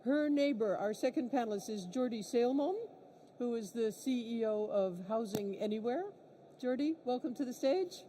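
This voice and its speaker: A woman's voice: a little high, moderate pace, warm tone, a little hiss or hum. A woman hosting a conference, introducing the panelists in an upbeat, friendly way. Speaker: conference host. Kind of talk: stage introductions.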